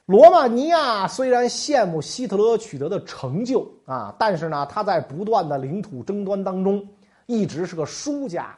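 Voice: medium pitch, animated, normal speed, a little mellow. A history podcast host telling a comic, colloquial history story with slangy jokes and asides.

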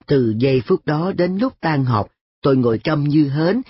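A narrator reading a first-person story aloud in a calm, even manner. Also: medium pitch, normal speed, slightly rough, dry recording, lo-fi sound.

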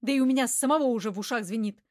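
A woman reading an audiobook, voicing a calm, measured man who tries to settle a quarrel. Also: a little high, no room sound, clean studio sound, lightly acted. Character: calm, level-headed man, peacemaker and flat owner.

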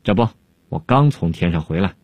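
A man's voice: sits low, animated, moderate pace, a little mellow, no room sound. Man playing a sly, drawling court jester. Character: sly unhurried witty male court jester.

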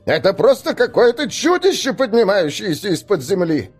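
A man voicing a fawning, lecherous male traveler in an audiobook, cooing slowly and exclaiming loudly. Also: on the low side, big pitch swings, soft background music. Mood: awestruck.

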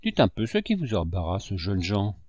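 A man's voice: lowish voice, huge pitch swings, normal speed, darkish tone, no room sound, highs cut off. A man voicing a jovial, boastful middle-aged barber who is also a musician, speaking in an exuberant, declamatory way. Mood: courteous. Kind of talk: audiobook character voice.

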